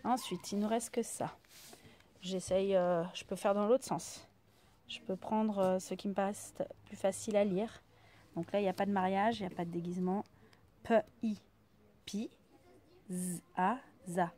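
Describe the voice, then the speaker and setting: A woman teaching a reading game, sounding out each letter slowly one by one in a step-by-step demonstration. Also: mid-range voice, fairly even intonation, dark tone.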